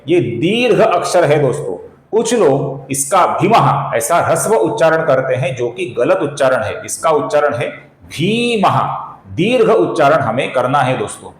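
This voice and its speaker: A man explains how to pronounce sacred verses, speaking patiently and repeating each correction. He chants the lines slowly, syllable by syllable, in a slightly high voice. The room is noticeably echoey. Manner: addresses viewers as friends, repeats corrections patiently. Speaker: teacher of Sanskrit recitation. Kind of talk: explanatory lesson on pronunciation.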